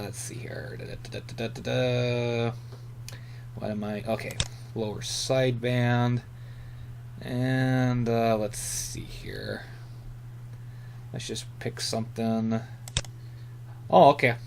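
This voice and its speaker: Another take on the ham radio antenna demo: a mid-range male voice, slow and often pausing. He stays casual and unscripted, hesitating and murmuring his thoughts, while hum and noise sit clearly in the background.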